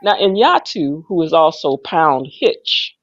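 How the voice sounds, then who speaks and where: Low-pitched and very animated yet unhurried, this gossip show co-host teases playfully with sing-song emphasis during casual chat. The audio is dull, lo-fi, and dry, with no echo from the room.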